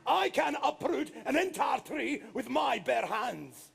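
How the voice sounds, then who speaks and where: A man voicing a huge, blustering, boastful male giant ogre who shouts and stammers when flustered. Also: very high voice, very animated, slow, creaky, breathy edge, pitched above the performer's own voice, full character voice. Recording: live stage with music.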